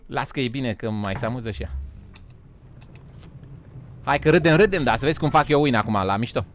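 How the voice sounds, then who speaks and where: Loud joking Romanian streamer guy. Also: medium pitch, animated, long pauses, a little hiss or hum. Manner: loud, joking, bursts into shouting and laughter; swears and says "frate" a lot. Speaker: game streamer. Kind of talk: live gaming stream chat.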